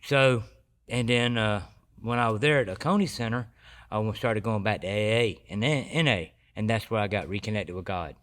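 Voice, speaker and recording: A man giving his personal recovery testimony as a podcast guest, earnest and halting with many restarts. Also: fairly low pitch, fairly bright tone.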